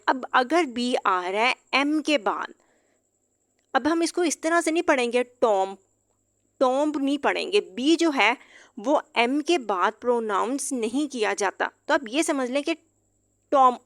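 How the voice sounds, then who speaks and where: A woman gives a patient, explanatory lesson, repeating each example word slowly and carefully. Her voice sits a little high. The sound is dry and close, with little room in it. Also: fairly bright tone, no room sound. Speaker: English teacher.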